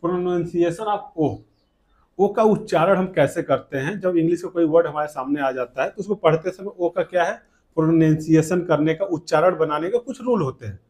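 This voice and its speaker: Man, Hindi accent, high voice, classroom lesson, rhetorical question-and-answer teaching. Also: moderate pace, darkish tone. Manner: asks rhetorical questions and answers them himself. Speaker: English teacher.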